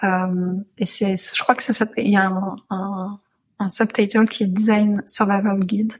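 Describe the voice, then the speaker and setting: A woman's voice: medium pitch, level tone, moderate pace, a little mellow, slightly rough. A woman guest in a casual interview, speaking hesitantly with many filler sounds.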